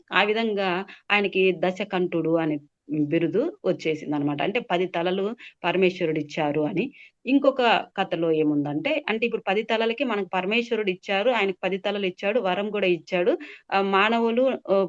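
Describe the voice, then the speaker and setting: A woman telling a devotional epic story, explaining words as she goes and pausing with many fillers. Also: mid-range voice. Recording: dull lo-fi sound.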